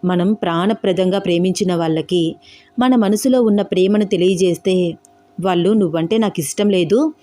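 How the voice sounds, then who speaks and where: A woman voicing a calm young man in a storybook romance, reasoning patiently and persuasively. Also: lowish voice, normal speed, soft background music, lightly acted. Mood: earnest.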